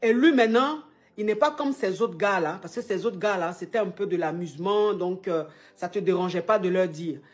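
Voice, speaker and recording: A woman's voice: fairly low pitch, normal speed. A woman hosting an advice show, talking casually and teasingly with a caller and repeating her phrases. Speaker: advice show host, relationship coach.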